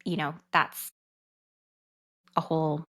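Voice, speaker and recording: Speaking rapidly and casually, a dietitian in her thirties uses her podcast to open up about her own experience. The pitch is low, the tone steady and fairly bright.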